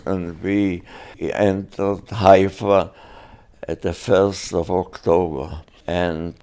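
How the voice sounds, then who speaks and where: An older man giving oral history testimony, speaking haltingly with many pauses and restarts. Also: on the low side, darkish tone, smooth. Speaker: interviewee.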